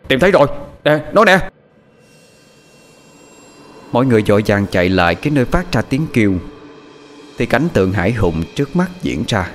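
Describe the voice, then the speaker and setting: A man narrates a scary tale in a low, expressive voice. His pitch moves vividly as he builds dread. Faint music plays beneath the story. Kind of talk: scripted horror narration.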